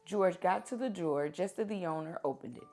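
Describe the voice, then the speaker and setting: Reading picture books to children, a woman speaks in a low voice with an expressive, deliberate teaching style, asking them questions along the way. Faint music plays behind her.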